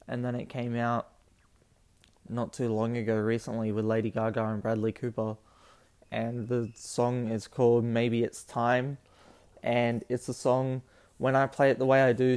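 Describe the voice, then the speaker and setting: A man's voice: medium pitch, smooth. A man hosting a casual solo podcast, rambling and restarting his sentences as he explains things. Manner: rambling, restarts often, flat delivery. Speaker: podcast host.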